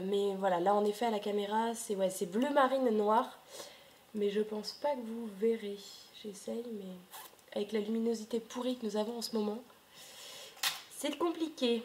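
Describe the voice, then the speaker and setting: A woman's voice: mid-range voice, moderate pace, pauses often, mellow, a little hiss or hum. A young woman vlogging casually at home, chatting with many hesitations and fillers into her camera. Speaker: book vlogger. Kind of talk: casual video chat.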